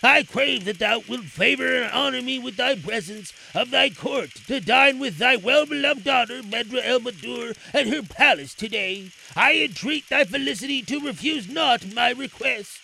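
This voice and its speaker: A man's voice: extremely high pitch, moderate pace, vocal fry, few pauses, bright, forceful tone, slight background noise, voice pushed up, heavily acted, poor audio. A man reading the part of an eager young hero who speaks in flowery, pleading formal phrases. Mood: earnest.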